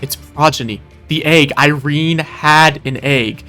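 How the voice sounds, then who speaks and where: A man narrates a scripted video recap of a roleplay event, casual and wry at first before sliding into dramatic storytelling. His voice is fairly high, slow, bright and forceful, with soft music playing in the background.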